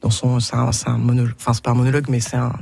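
A woman's voice: extremely low pitch, flat delivery, very fast, vocal fry, dark tone, husky, no room sound. A woman presenting a book on radio in an unscripted way, explaining hesitantly and correcting herself.

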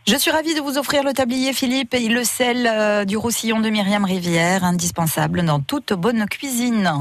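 Chatty woman hosting a radio cooking show. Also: on the high side. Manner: chatty, quick follow-up questions. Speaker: radio host.

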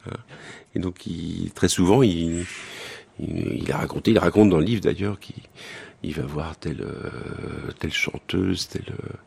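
A male author guest on a live radio show, speaking in halting, hesitant phrases. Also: low-pitched, gravelly, darkish tone, slightly rough. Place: live public broadcast in a hotel.

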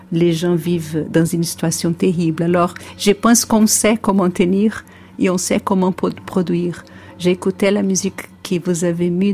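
A woman with a foreign Brazilian accent in French, a native Portuguese speaker, answering in an interview and searching for words in halting phrasing. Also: on the low side, vocal fry, darkish tone. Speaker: interview guest, artist.

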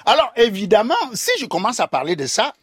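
A man's voice: high voice, sing-song, fairly quick, husky, no echo, studio quality. A man, a radio guest, chatting casually in a playful, joking way. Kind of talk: casual chat.

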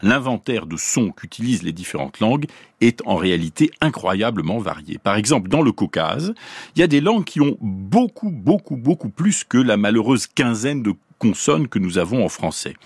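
Parisian guy doing a radio science bit, low husky voice, bouncy intonation, dry studio sound. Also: dry recording. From Paris, France. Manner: clear, lively teaching tone, slows to pronounce examples. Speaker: science columnist explaining linguistics. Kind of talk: scripted radio explanation.

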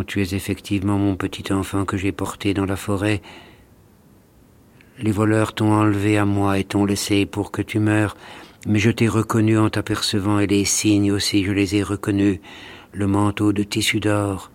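A man's voice: fairly low pitch, completely flat delivery, normal speed, darkish tone, natural voice. A man voicing a pleading beggar mother. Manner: pleading, sorrowful. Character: grieving beggar woman, a lost mother.

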